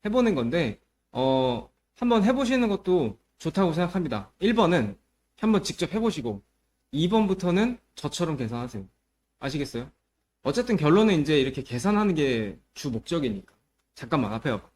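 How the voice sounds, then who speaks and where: A man's voice: a little high, sing-song, brisk, a little mellow. A man teaching a middle school math lesson, explaining step by step and often checking that students follow, moving between polite and casual speech. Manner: explains step by step and checks understanding with repeated questions.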